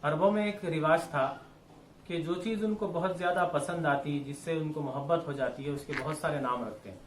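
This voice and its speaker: Man, religious teacher; patient repetitive explainer, fairly high pitch, roomy echo. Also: normal speed, a little hiss or hum. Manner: explains step by step, repeats and rephrases. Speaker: Quran teacher. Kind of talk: religious lesson. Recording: echoey room with faint ambience.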